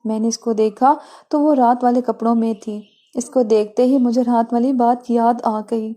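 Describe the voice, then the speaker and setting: Mellow-voiced woman narrating a story. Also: a little high, steady tone. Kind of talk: scripted first-person story narration.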